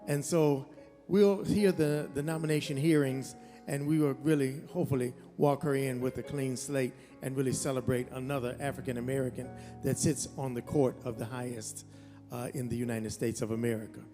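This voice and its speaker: A man's voice: mid-range voice, steady tone, normal speed, mellow. A man speaking earnestly to an audience as a concert emcee, with a few hesitant restarts. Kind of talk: event speech to an audience. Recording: long hall reverb, faint music.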